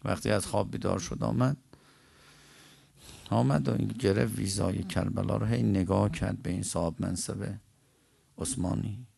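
A man preaching, telling religious stories vividly and breaking into slow chanted verse. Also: on the low side, creaky, warm tone, slightly rough. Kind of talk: religious storytelling sermon.

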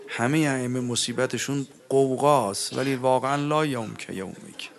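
A man's voice: mid-range voice, vocal fry. A man preaching a religious mourning sermon, moving between spoken eulogy and chanted elegy in a mournful, grieving way.

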